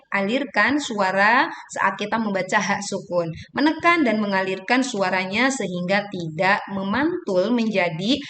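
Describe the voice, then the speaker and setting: A woman teaching Quran recitation, switching between slow, drawn-out chanted verses and brisk spoken explanations of pronunciation. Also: medium pitch, a bit bright, roomy sound. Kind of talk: tajwid lesson with chanted recitation.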